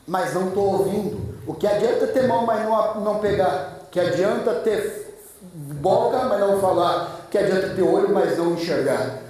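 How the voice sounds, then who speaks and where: Man, pastor, fervent emphatic sermon, high voice, heavy church echo. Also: darkish tone. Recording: echoey church, far from mic.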